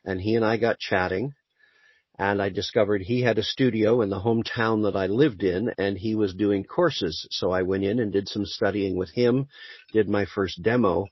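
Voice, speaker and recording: A man being interviewed as a voice actor, talking in a relaxed, conversational way with dry humor. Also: fairly low pitch, moderate pace, slightly rough, no room sound. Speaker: voice actor guest. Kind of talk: casual interview chat. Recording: muffled lo-fi audio.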